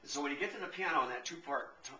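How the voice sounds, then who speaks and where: A man's voice: fairly high pitch, racing, bright, forceful tone, muffled recording, a little hiss or hum. A middle-aged man explaining piano tone in a casual, rambling way, often correcting himself mid-sentence. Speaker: piano technician. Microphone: camcorder. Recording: echoey room, camcorder from a distance.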